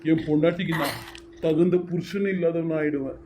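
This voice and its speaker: A stubborn husband, played by a man, taking his mother-in-law's side in a homemade serial drama. He talks firmly and scolds, in a slightly high voice with faint noise in the background. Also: fairly even intonation, fairly quick, close to an everyday voice. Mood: consoling. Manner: firm, scolding.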